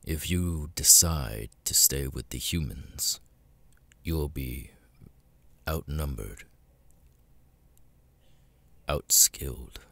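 In an ASMR audio roleplay, a man plays a cold, menacing, seductive demon lord, his bass voice breathy, gravelly, a bit bright and often near a whisper. The heavily acted performance unfolds with slow, deliberate pauses.

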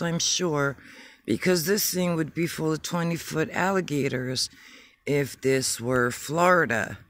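Slow, gravelly woman with an allergy rasp. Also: low voice. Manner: rambling, chatty, emotional. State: hoarse from allergies. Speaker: vlogger. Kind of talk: casual vlog while walking outdoors. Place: outdoors by a pond.

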